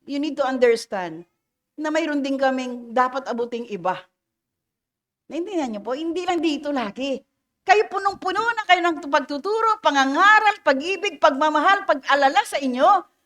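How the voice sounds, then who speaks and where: High-voiced Filipina woman pastor preaching. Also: animated, moderate pace, fairly bright tone. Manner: mixes English phrases into Filipino preaching, asks the congregation questions; playful teasing, laughs between points. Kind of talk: Sunday sermon.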